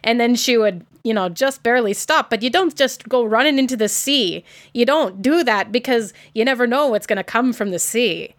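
A woman's voice: fairly high pitch, moderate pace, hardly any pauses, close to an everyday voice. A woman voicing a stern, protective older aunt in a tabletop game, with a folksy put-on accent and a scolding manner.

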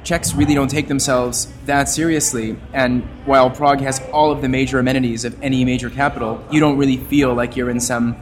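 A man from Canada, a journalist and podcaster, talking at length as an interview guest, with a wordy, expressive manner that plays with his voice. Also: medium pitch, brisk, hardly any pauses. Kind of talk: casual interview talk.

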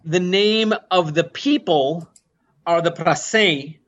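An author and conlanger is interviewed in casual talk, speaking thoughtfully with frequent restarts and fillers. His voice is on the high side, slow, and fairly bright, captured in muffled, dull podcast audio.

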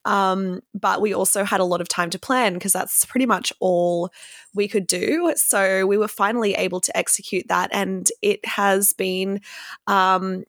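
A woman's voice: mid-range voice, fairly even intonation, measured pace, a bit bright, no room sound, clean studio sound. An Australian woman, a musician and coach, chatting as co-host in an upbeat, enthusiastic way and laughing easily. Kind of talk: casual interview chat.

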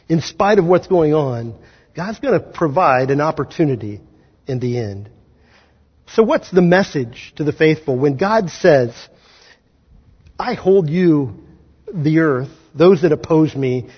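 A man preaching a sermon as pastor, talking conversationally and slipping into quick acted asides. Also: a little high, husky. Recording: dull audio in a large hall.

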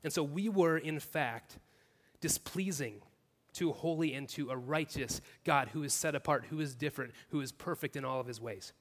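A man's voice: a little high, normal speed, a bit bright. Earnest male pastor preaching in a reverberant hall. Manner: earnest, builds phrases in repeated clauses. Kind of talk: sermon. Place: church.

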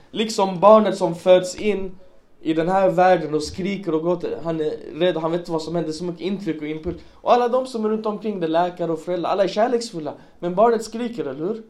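Speaking to his congregation, a preacher weaves stories into his religious talk and puts rhetorical questions to the listeners. His voice sits a little high and sounds a little mellow.

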